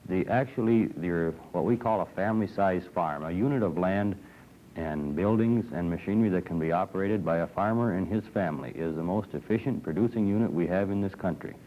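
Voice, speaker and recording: Young man, low-ish voice, earnest panelist; dull 1960s studio film audio. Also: brisk, slight background noise. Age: young adult. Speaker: farm organization member. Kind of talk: TV panel discussion. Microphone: desk microphone.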